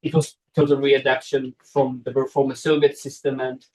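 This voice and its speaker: A man's voice: mid-range voice, level tone, normal speed, a little mellow, low-quality recording. A man answering questions after an academic talk, hesitant, with many fillers and restarts. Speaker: seminar speaker answering questions.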